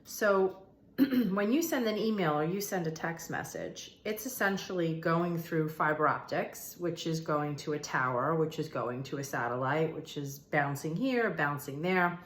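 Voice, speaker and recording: Her voice is deep and unhurried, with a little hiss or hum in the audio. She hosts a manifestation and meditation channel, delivering a casual spiritual explainer to viewers with conversational emphasis and repeated phrases, all in a roomy, echoey room.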